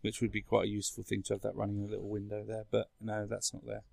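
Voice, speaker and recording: A man's voice: fairly low pitch, monotone, rapid-fire, gravelly, darkish tone, slight background noise. A man in a casual tech chat, explaining things in a rambling way as a podcast speaker. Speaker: podcast guest or co-host explaining a console.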